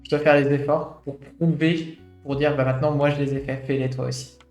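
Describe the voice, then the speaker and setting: A man in his late twenties streams himself reading a study, adding reflective remarks full of fillers. His mid-range voice is slightly mellow, with little pitch movement, and runs a little fast. Faint guitar music sounds through a roomy echo.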